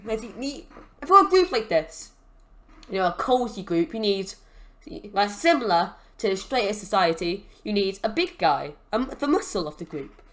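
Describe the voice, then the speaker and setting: A woman's voice: mid-range voice, animated, normal speed. A young woman giving rambling, chatty commentary on a wrestling management game as a gaming channel host. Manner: rambling, chatty, lots of fillers. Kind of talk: casual let's-play commentary.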